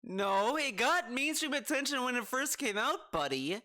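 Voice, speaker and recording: High-pitched man in a sweary, exasperated rant. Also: very animated, normal speed, bright, forceful tone. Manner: sweary, exasperated, mockingly quotes others. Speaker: commentator reacting to another streamer. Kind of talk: casual ranting reaction commentary.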